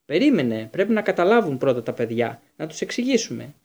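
A man voicing a calm, patient grown man who explains in an earnest, measured way in an audiobook. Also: on the high side.

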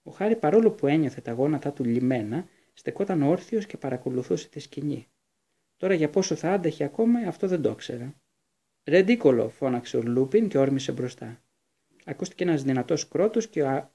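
A man reading a fantasy novel aloud as an audiobook narrator, with steady storytelling. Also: on the high side, gravelly, slightly rough.

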